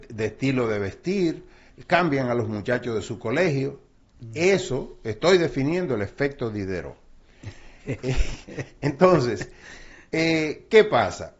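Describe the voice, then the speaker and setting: An older man, explaining personal finance in a casual, storytelling way, acting out quotes, with frequent fillers. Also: medium pitch. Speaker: guest speaker on finance. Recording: dull lo-fi sound.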